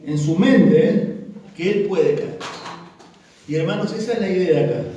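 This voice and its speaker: A woman's voice: fairly low pitch, warm tone. A woman preacher, giving an emphatic sermon and asking the congregation questions. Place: church hall. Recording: echoey church hall, from far off.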